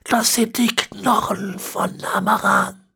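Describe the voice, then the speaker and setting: A reader voicing a spiteful, scheming 101-year-old man in a high, whispery, cackling old voice, from an audiobook. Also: steady tone, slow pace, vocal fry, pushed and bright, breathy edge, exaggerated voice.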